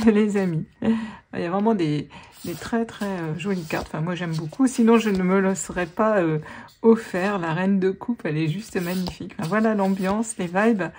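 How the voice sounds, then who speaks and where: A woman talks through a tarot spread in a loose, friendly ramble, stopping and restarting often. Her voice sits at an ordinary middle pitch. A faint hiss runs underneath. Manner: chatty and warm, many fillers and restarts. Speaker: tarot reader. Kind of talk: casual spoken tarot guidance.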